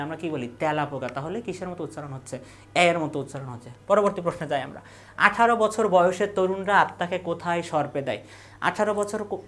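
A woman teacher with a Bangladeshi Bengali accent runs an exam revision class. Her voice sits a little low, and she reads out quiz questions and options, then says each answer again slowly.

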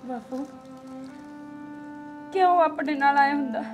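A woman's voice: high voice, a little slow, music in the background. An actress playing a young married daughter who is crying as she speaks with her father. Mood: tearful. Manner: tearful, pleading.

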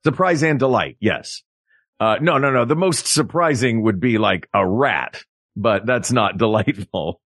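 Animated man hosting a comedy podcast. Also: a little slow, dry recording, studio quality. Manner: animated, playful, builds up jokes with big pitch swings. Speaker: podcast co-host. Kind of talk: comedic casual chat.

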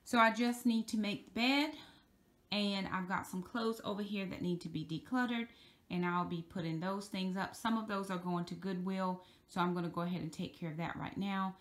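A middle-aged woman talks straight into her phone camera at home, chatty and upbeat, and she leans on certain words to stretch them out. Her voice sits at an ordinary middle pitch for a woman. The sound is close and plain, like a phone held at arm's length in a bedroom. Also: steady tone. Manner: chatty and upbeat, drawn-out emphasis. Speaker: vlogger. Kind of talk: casual cleaning vlog.

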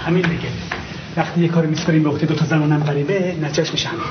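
A self-important handyman, played by a man, who speaks in grand, formal phrases and takes offence easily. His voice sits a little high. The film audio is dull, with steady noise behind him. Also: natural voice. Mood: pompous. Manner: pompous, ceremonious formal speech. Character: self-important male handyman, touchy and proud. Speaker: building handyman.

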